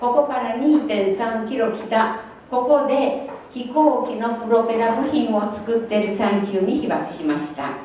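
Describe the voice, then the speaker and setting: A woman in her eighties giving spoken testimony as a guest speaker, in short measured phrases that leave room for an interpreter. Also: on the high side, dark tone. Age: 80s. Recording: echoey hall from far off with faint noise.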